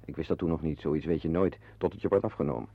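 With a fast bass voice and no room sound, a man acts out a brooding, wry, henpecked husband, once an artist and a lover of animals, in a Dutch radio play. He confides rueful musings directly to the listener, captured in a muffled, band-limited old recording.

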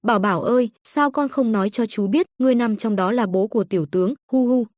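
Ai lady reading a scaredy doctor guy, flat and dry. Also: fairly high pitch, fast talker, no room sound, close to an everyday voice. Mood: whiny. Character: timid male doctor, easily scared.

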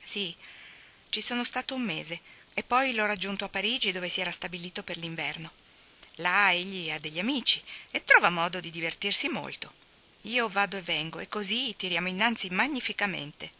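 A woman's voice: lowish voice, moderate pace. Easygoing young man Lori, read by a woman. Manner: relaxed, chatty replies. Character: tall young man, easygoing, restless traveler.

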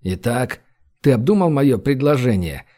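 A man voicing a calm, coldly ruthless male shaman who speaks with dry, unhurried menace. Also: mid-range voice.

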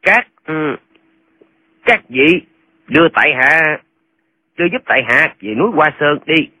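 A woman voicing a gravely wounded young male swordsman in an audiobook, out of breath and speaking in halting, broken phrases. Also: fairly low pitch, sing-song, pushed and bright, no room sound, voice pushed down, heavily acted. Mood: feeble. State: out of breath, barely able to speak. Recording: tinny phone-like sound.

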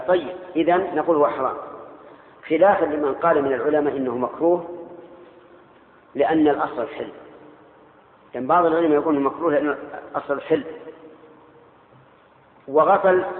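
An older man teaches jurisprudence to a class, stopping often to repeat himself and put questions to his listeners. His voice sits a little high. The recording is narrow and tinny, with a long echo from a large hall. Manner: pauses and repeats phrases, asks the audience questions. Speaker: Islamic scholar teaching a class. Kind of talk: lecture on jurisprudence, questions to students. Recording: echoey hall, tinny phone-like audio.

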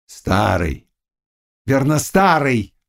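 A man's voice: medium pitch, very animated, very slow, creaky, exaggerated voice. Man voicing a brooding Cossack. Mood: grim. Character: brooding young Cossack warrior, passionate and uneasy. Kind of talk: audiobook character reading.

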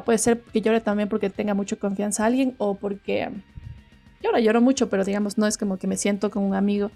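A woman's voice: on the high side, darkish tone. A woman co-hosting a podcast, chatting casually over a video call and rambling with many restarts. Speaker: podcast co-host. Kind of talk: casual chat.

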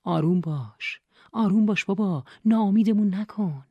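A woman voicing a grown brother who urges his sister on in short, brisk lines, in an audiobook reading. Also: medium pitch, husky, no room sound, lo-fi sound, pitched above the performer's own voice. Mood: urging. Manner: brisk, urging. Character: adult brother, blunt and pushy.

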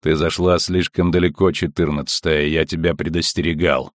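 Man doing a metallic spirit voice, low, slow, sneering, dry audiobook read. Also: flat delivery, no room sound. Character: cold mocking metallic spirit voice speaking through a girl. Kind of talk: audiobook reading.

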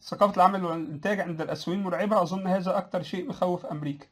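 An Egyptian man talks fast in casual political commentary, his voice sitting high. He mocks the ideas he answers, chuckles at his own points and trips into restarts as he hurries on. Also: fairly even intonation, fairly bright tone. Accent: Egyptian Arabic.

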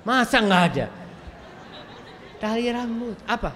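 A man preaching a lively lecture in a mosque, swinging between loud and soft and joking with the congregation. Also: very high-pitched, measured pace, a faint crowd. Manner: banters with the congregation. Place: large mosque hall. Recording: mosque hall reverb, faint room noise.

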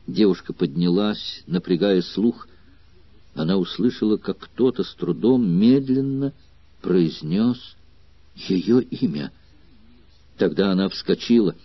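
A man narrating an audiobook of a historical novel with a steady, dramatic literary reading. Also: deep voice, a little slow, no echo, lo-fi sound. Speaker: audiobook reader. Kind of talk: scripted narration.

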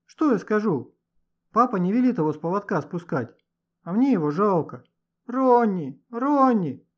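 A man's voice: high voice, animated, unhurried, dull audio, voice pushed up. A man putting on a whiny tearful schoolgirl. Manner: sobbing, pleading.

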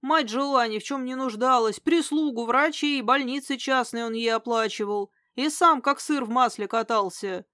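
A woman reading aloud as a blunt, gruff older village man who speaks emphatically and flares up easily. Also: fairly high pitch, sharp tone, no room sound, clean studio sound. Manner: emphatic, outspoken, quick to flare up.

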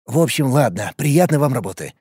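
A man voicing a chatty, friendly male office clerk in an audiobook, eager and at times dropping to a hush. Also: medium pitch, big pitch swings, fairly quick, slightly rough, no echo, clean studio sound. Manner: eager, then hushed half-whisper. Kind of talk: audiobook character voice.

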